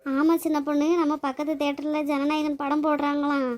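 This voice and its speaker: A woman's voice: high-pitched, monotone, a little fast, lightly acted. A woman voicing a friendly, chatty neighbour woman in a cartoon.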